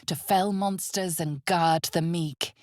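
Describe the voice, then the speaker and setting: Voicing the ominous, knowing narrator of a dark fantasy video game, a woman speaks in a measured, dramatic, hushed way. Her pitch is fairly low and her tone steady. The recording is dry and studio quality.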